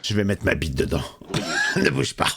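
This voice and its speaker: A man's voice: low-pitched, big pitch swings, normal speed, gravelly, very noisy. A man hosting a casual film watch-along, mocking the movie with crude jokes and frequent laughter. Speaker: host commenting on a film.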